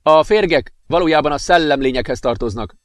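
A man voicing an earnest young male companion who explains things in a calm way. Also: a little high, dry recording, clean studio sound, close to an everyday voice.

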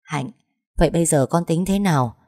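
Woman doing a worried older mother, low voice, dark tone, anxious questions, storybook. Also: a little fast, no room sound, studio quality.

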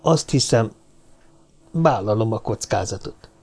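Man playing a halting, flustered man. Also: lowish voice, lively intonation, a little mellow, husky. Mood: hesitant. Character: hesitant man, flustered companion.

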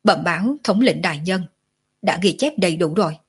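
Careful middle-aged scribe answering his superior, read by a woman, low and husky. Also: expressive, a little fast, full character voice. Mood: deferential. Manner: respectful, dutiful reporting. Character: middle-aged male clerk, deferential and careful.

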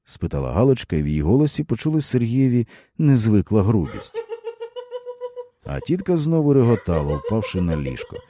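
A man narrating a literary story in an expressive, dramatic reading. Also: fairly low pitch, a little fast, no room sound.

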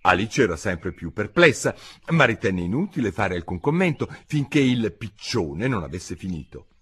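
Brief: playful male audiobook narrator, husky, widely varied delivery. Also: on the low side, normal speed. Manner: expressive, playful storytelling. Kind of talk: theatrical storybook narration.

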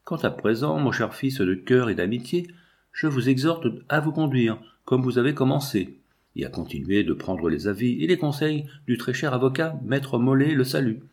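A man's voice: mid-range voice, animated, normal speed, lightly acted. Affectionate letter writer, read by a man. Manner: warm, effusive letter reading. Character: affectionate older male friend writing a letter.

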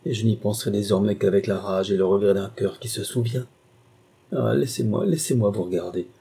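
A man's voice: on the low side, mellow, breathy edge, pitched above the performer's own voice. A man reading a passionate young woman governess in an audiobook, impassioned and pleading.

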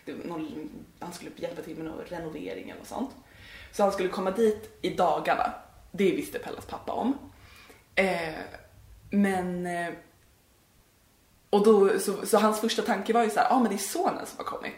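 A woman's voice: lowish voice, lively intonation, long pauses, darkish tone, reverberant. A woman co-hosting a podcast, telling a spooky story in a rambling, giggly way with many fillers. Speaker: podcast co-host.

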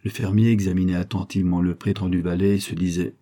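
A man reading a classic novel aloud as an audiobook narrator, in a measured storytelling manner. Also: low-pitched, level tone, mellow.

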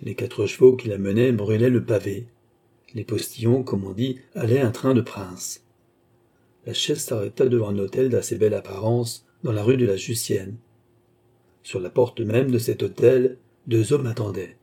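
A man reads a classic novel aloud at a measured pace. His voice is mellow and a little husky. He lifts his pitch when he voices the characters. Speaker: audiobook reader. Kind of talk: scripted narration of a classic novel.

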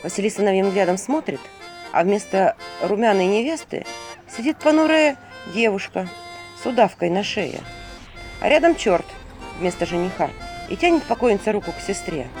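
Expressive woman telling a folk tale. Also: medium pitch, fairly quick, soft background music. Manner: expressive, hushed then rising. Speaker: storyteller. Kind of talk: dramatic folk tale narration.

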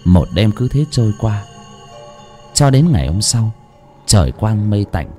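A man's voice: on the low side, very animated, a little slow, dark tone, faint music behind. A man narrating a horror story dramatically.

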